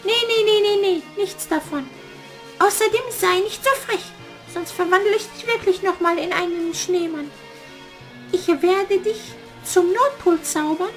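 A very high, shrill old witch cackles and schemes in a puppet theater play, played by a man in falsetto. She drags her words out slowly and bosses everyone around. Faint music plays behind her. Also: fairly bright tone. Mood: commanding.

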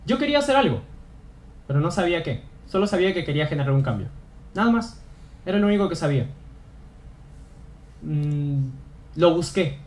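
A man's voice: a little high, very animated, brisk, long pauses, darkish tone. A young man giving an earnest motivational talk on stage, repeating phrases for emphasis. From Peru. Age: young adult. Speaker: student speaker. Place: auditorium stage.

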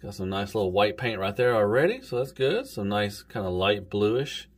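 A man's voice: lowish voice, expressive, normal speed. Easygoing Southern man reviewing toys. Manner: easygoing, rambling, says "golly" and "y'all". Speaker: toy reviewer. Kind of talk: casual toy review.

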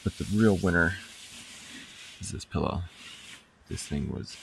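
A man's voice: low voice, unhurried, creaky, a bit bright, a little hiss or hum. A man vlogging at an outdoor campsite, casually walking through his camping gear with loose, rambling speech and fillers. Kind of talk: casual gear walkthrough vlog.

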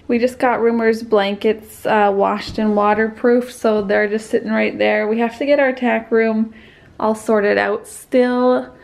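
A woman's voice: a little high, flat delivery, measured pace, vocal fry, a little mellow. A woman giving a chatty, explanatory barn tour on a handheld camera, laughing often as she walks through a horse barn and paddock. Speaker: vlogger. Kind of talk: casual barn tour narration.

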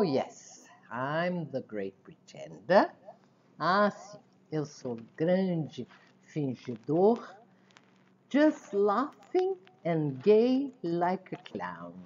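Lively, low-voiced woman teaching. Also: slight background noise. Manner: drills lyric lines slowly, then explains them in Portuguese. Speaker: English teacher. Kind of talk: song-based language lesson. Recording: dull lo-fi recording.

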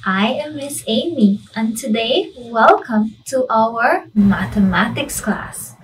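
A woman in her thirties teaching young children in a sing-song, clearly enunciated recitation manner, encouraging and asking questions she answers herself. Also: a little high, lively intonation, slow pace, recorded from a distance, a little hiss or hum, low-quality recording. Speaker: primary school mathematics teacher. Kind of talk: children's lesson addressed to young pupils. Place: indoor studio with virtual classroom backdrop.

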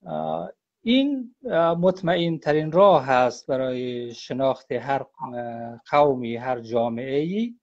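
A man, a guest scholar on a live online interview, explains at length in a halting way, often pausing on a drawn-out "uh". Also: mid-range voice, animated, vocal fry, a little mellow. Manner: halting, with frequent drawn-out "uh" pauses. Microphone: phone or computer on a live video call. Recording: dull lo-fi livestream audio.

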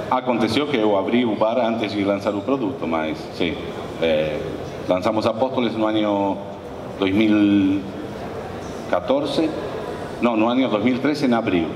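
A man from Argentina speaking Portuguese with an Argentine Spanish accent as a guest speaker on stage, telling his story in a halting way full of restarts. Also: lowish voice. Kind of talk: conversational stage interview. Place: large conference hall, on stage. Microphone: handheld mic, far camera. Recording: roomy hall from far off, with audience noise.

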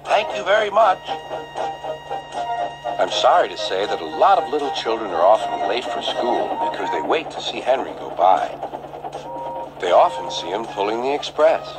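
A man narrating a children's story in a lively, expressive read-aloud way. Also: lowish voice, moderate pace, over loud music, rough recording.

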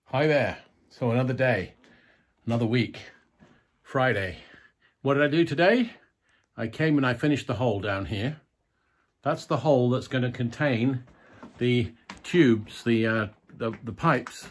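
A middle-aged man filming a casual video diary on his farm. He explains each step, pausing and correcting his own words. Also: medium pitch. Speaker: farm restorer vlogging his progress. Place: old stone barn and farmland, outdoors. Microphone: phone camera at arm's length.

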